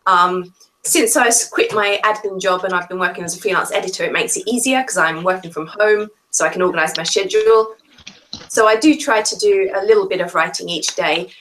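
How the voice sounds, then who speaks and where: A woman author and freelance editor explaining her routine in a steady, organized way on a casual video call. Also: mid-range voice, brisk, a little hiss or hum, rough recording.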